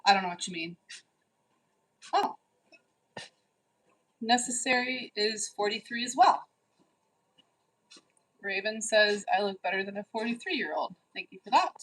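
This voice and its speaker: A woman's voice: medium pitch, unhurried, long pauses, a bit bright, low-quality recording. A woman in her forties hosting a livestream, reading viewers' chat in a teasing, bossy way and scolding rude commenters. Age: 40s. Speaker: livestream host. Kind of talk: casual live chat reading.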